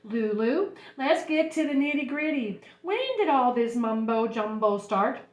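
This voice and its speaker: A brisk school nurse from a children's storybook, played by a woman reading aloud. She is bossy and firm, stressing her words in a high voice. The room gives it an echo. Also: expressive. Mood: probing.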